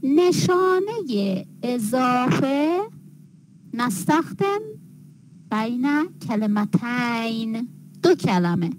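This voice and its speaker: A woman teacher giving a classroom lecture, dictating words slowly and repeating them. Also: a little high, sing-song, rough recording.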